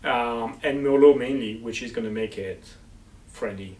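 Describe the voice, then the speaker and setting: A man co-hosting a casual wine tasting chat, joking and telling relaxed stories. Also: mid-range voice, normal speed. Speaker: wine buyer and co-host. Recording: echoey room, far mic, faint noise.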